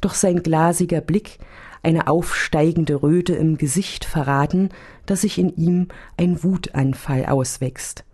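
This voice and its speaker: Woman reading a story out loud, calm, low and kinda husky. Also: slow. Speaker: narrator. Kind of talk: storytelling narration.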